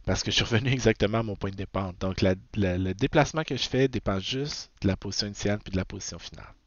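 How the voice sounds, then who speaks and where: A man with a Québécois French accent gives a physics lecture in a low voice. He keeps checking in with "ok?" and corrects himself mid-sentence. The recording is dry and dull, with a lo-fi edge. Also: fast, no room sound. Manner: frequent "ok?" checks, self-corrections. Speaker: physics teacher.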